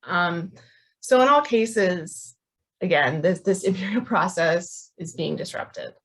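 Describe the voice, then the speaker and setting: Woman, history lecturer, lower voice, halting and filler-heavy delivery. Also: animated, rough recording. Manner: hesitant, many ums and restarts. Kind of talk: academic talk.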